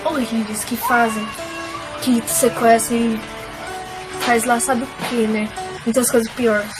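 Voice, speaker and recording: A woman's voice: a little high, little pitch movement, slow pace, music in the background, low-quality recording. A young woman, emotionally telling viewers a personal faith testimony in a casual, filler-filled way. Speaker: vlogger.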